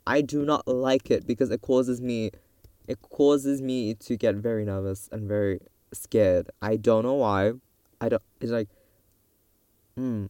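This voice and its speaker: A soft-spoken young male student hosting a casual ranting podcast monologue at home, rambling and restarting his sentences. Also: fairly low pitch, no room sound. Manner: rambling and self-interrupting, with frequent restarts. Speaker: podcast host. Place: closet at home.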